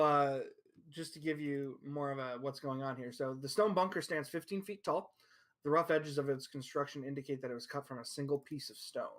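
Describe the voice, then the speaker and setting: A man with an ordinary mid-range voice runs the tabletop game as game master. He describes the scene and calls for rolls in a halting way, with frequent ums. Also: mid-range voice, a bit bright. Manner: hesitant, lots of ums, reads out scene descriptions.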